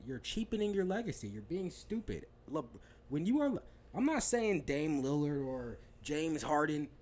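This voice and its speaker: Heated, animated young man ranting about sports. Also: on the high side, moderate pace. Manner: heated, profane ranting, laughs at himself. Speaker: podcast co-host. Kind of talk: casual sports chat.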